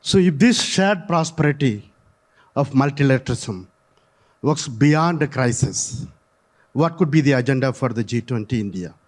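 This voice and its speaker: Man asking a measured question. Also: mid-range voice, lively intonation. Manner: measured, with pauses and fillers. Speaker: audience member asking a question. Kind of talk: question from the floor.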